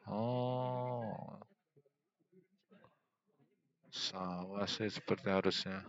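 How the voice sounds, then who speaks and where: Young male student, screen-tutorial narrator, smooth clear tone, slow hesitant thinking-aloud delivery. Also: fairly low pitch, fairly even intonation, dull audio. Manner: hesitant, many fillers, thinking aloud while clicking. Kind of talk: screen-recorded software tutorial.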